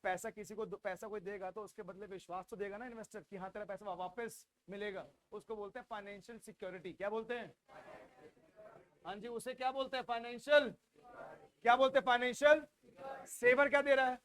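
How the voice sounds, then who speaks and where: A man from India with an Indian accent teaching a class, drilling students loudly and repeating questions for them to answer back. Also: high voice, fairly even intonation, brisk. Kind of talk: classroom lecture with call-and-response drilling.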